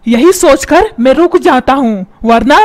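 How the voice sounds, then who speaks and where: एक महिला कार्टून में चिड़चिड़े, चिल्लाने वाले अधेड़ पिता की आवाज़ दे रही है, जो डांटता है और ताने मारता है।. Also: female voice, high-pitched, expressive, measured pace. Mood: scolding. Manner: shouts and scolds, calls names. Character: grumpy shouting cartoon father, middle-aged man. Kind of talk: comedy cartoon dubbing.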